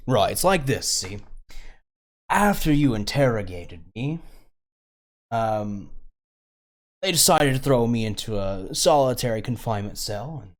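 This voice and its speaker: A man voicing a smooth-talking, crude male smuggler with a put-on accent and a sly, salesman-like manner. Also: medium pitch, very animated, unhurried, pauses often.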